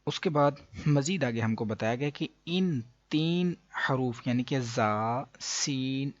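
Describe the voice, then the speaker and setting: A man with a Pakistani Urdu accent teaching Quran reading, explaining patiently and drawing letters out slowly, with many hesitations. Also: medium pitch, muffled recording. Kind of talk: explanatory lesson.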